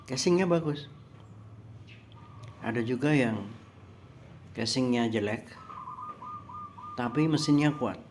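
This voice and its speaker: A man teaches a moral lesson in a slow, deliberate delivery. He addresses his listeners directly as friends while telling a story, and his voice sits at an everyday middle pitch. Faint ambient noise and birdsong sit in the background. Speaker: motivational speaker.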